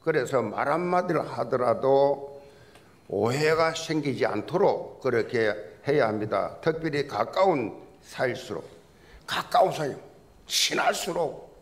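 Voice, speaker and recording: A man's voice: mid-range voice, lively intonation, measured pace. A man preaching a Sunday sermon in a church, a pastor with a folksy, joking storytelling manner. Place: church sanctuary.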